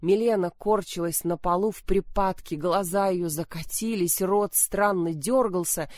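A woman's voice: on the low side, a little slow, dry recording. Woman narrating a story in a dry, close voice. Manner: expressive storytelling, shifting voices for the characters. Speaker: audiobook reader. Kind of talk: scripted narration.

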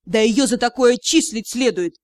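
A woman reading the part of a strict, quick-tempered female captain in an audiobook, with a sharp, scolding delivery. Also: on the high side, no echo, natural voice. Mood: indignant.

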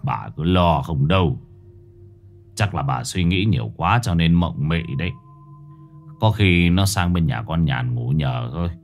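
A man's voice: very deep voice, lively intonation, a little slow, pitched below the performer's own voice, full character voice. A man voicing a curt, grumbling middle-aged village father, with faint music behind. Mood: gruff reassurance.

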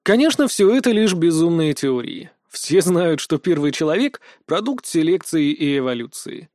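A man's voice: a little high, very animated, moderate pace, a little mellow, no room sound. A man giving first-person audiobook narration in a dry, sardonic manner.

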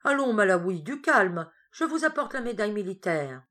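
A woman's voice: medium pitch, very animated, moderate pace, voice pushed up. A woman voicing a kindly male army doctor in an audiobook, coaxing and paternal. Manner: warm, coaxing.

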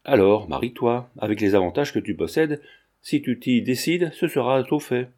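A man's voice: medium pitch, moderate pace, a little mellow, natural voice. A man reading a novel aloud, voicing a mocking, skeptical young Parisian man who teases his friend with irony. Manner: teasing, ironic.

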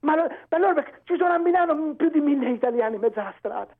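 A man calling in to a radio show, shouting and ranting with his voice breaking. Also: very high-pitched, animated, rapid-fire. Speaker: caller. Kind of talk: angry call-in rant. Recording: tinny phone line.

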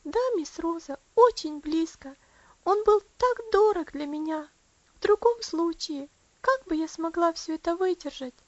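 A woman's voice: very high voice, animated, a little slow, no echo, dull audio, pitched above the performer's own voice. Woman voicing an eager, heartfelt little girl. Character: devoted little girl, earnest and tender. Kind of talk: audiobook character voice.

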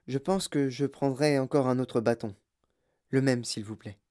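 A man voicing a shy, poor young boy speaking in a small quiet voice in an audiobook. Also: mid-range voice, normal speed, natural voice. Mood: timid.

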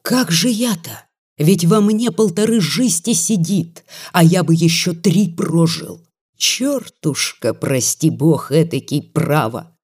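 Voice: medium pitch, animated, darkish tone, slightly rough. A reader doing a folksy old peasant grandfather. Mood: playful. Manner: folksy rustic speech, slow and reasoning. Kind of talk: audiobook reading.

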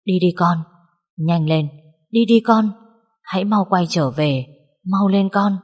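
Woman doing a ghostly older dad's voice, soft and urgent, slightly husky, long reverb. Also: fairly low pitch, slow pace. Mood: urging. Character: ghost of a dead father, older man, gentle and urgent.

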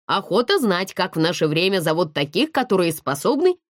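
A brash, gossipy young student girl, as a woman reads her out in an audiobook, blunt and teasing with coarse slang. Her pitch leaps up and down constantly. The recording is dry and close, with no room sound. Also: big pitch swings, a little fast, no room sound. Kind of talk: audiobook character voice.

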